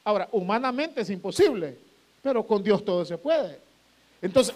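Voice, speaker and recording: A man, a pastor, preaching a sermon to his congregation, drawing out phrases and building to emphatic peaks. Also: very high-pitched.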